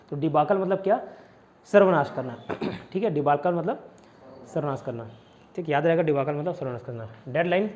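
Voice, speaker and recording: A man from India with a fairly high voice teaches vocabulary in an online exam-prep lesson. He repeats each word and its meaning again and again, mixing Hindi and English. The recording sounds slightly dull and lo-fi. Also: darkish tone, a little hiss or hum.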